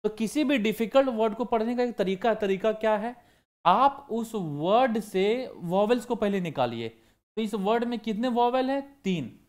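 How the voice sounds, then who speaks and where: This man speaks at a measured pace in a high, expressive voice. He's giving an online exam-prep vocabulary lesson, putting questions to his class, supplying the answers himself, and repeating the key words.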